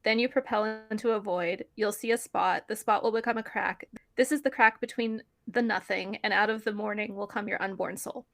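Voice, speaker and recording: A woman co-hosting a podcast, recapping a film in casual chat, full of "like" fillers and quick laughs. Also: mid-range voice, fairly even intonation, creaky, fairly bright tone. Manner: chatty, frequent "like" fillers and laughs. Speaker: podcast co-host.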